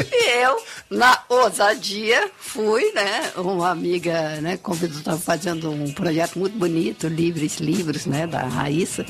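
A woman who tells stories and writes children's books, talking expressively in a relaxed interview, often ending phrases with a tag question. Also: on the low side, slow pace, soft background music. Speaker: storyteller and children's author, guest. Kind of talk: conversational interview.

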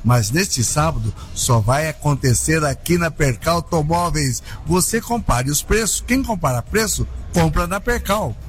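A Brazilian man giving a live promotional pitch as a dealership spokesman. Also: animated, a little slow, few pauses, soft background music.

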